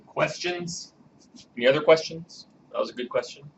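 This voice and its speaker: A man in his thirties teaches a programming class, his voice a little high with some vocal fry, moving at a moderate pace. He's chatty and casual, coaxing students to ask questions. The classroom recording is dull and lo-fi, with faint background hiss.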